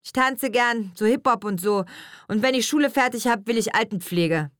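A woman's voice: fairly high pitch, normal speed, no room sound, studio quality, pitched above the performer's own voice, natural voice. Woman doing a blunt slangy teen girl. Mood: casual. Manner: clipped slangy speech. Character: tall fifteen-year-old schoolgirl, blunt and slangy.

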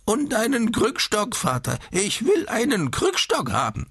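A man's voice: sits high, wildly swooping pitch, unhurried, fairly bright tone, breathy edge, no room sound, clean studio sound, pitched above the performer's own voice, exaggerated voice. A man doing a cracked, whiny old-man baby. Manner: whining, peevish complaining. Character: whiny newborn man who is seventy years old.

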